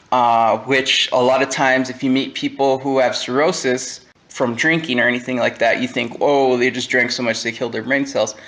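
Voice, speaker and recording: A young man talks straight to the camera from home in a personal vlog. His voice sits at an ordinary middle pitch, and he speaks candidly and haltingly, filling gaps with pauses and fillers. It sounds like an unscripted monologue. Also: a bit bright. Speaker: vlogger.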